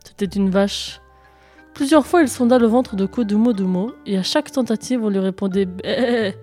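A woman storyteller reading a folk tale aloud in a steady, expressive way. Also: mid-range voice, normal speed, faint music behind.

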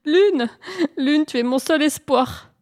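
High, whining storybook hare, sly and lazy, voiced by a woman. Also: fairly even intonation, moderate pace. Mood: whiny pleading. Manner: whining and pleading. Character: lazy cunning young male hare, whiny.

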